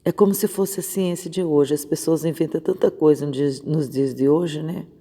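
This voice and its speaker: A woman's voice: low voice, fairly even intonation, normal speed, dark tone, husky, in a large hall. A woman missionary preaching an informal devotional on a Bible verse, conversational and often checking in with her listeners. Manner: conversational, keeps asking "né?".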